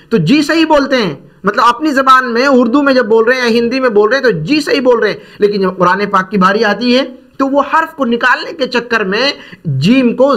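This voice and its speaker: A man's voice: extremely high pitch, pushed and bright. A man teaching Quran reading in a patient online lesson, asking questions and repeating letter sounds for the learner. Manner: stretches out Arabic letter sounds slowly.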